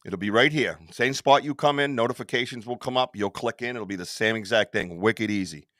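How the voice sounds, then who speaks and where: A man hosting a casual live stream, chatty and excitable, laughing often and swearing casually. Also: medium pitch, fairly quick. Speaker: podcast host on a live stream.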